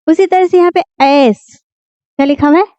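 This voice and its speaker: Casting: woman teacher, high clear voice, patient and repetitive, dull dry recording. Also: mellow, no room sound. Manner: repeats words slowly, asks and answers own questions. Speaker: Urdu teacher. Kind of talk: beginner language lesson.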